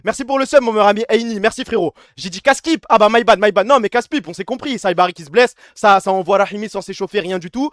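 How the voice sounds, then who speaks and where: A young man chatting on a live stream, fast and slangy with crude jokes and frequent laughs. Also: sits high, fairly bright tone, no room sound, clean studio sound. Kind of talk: casual live-stream chat.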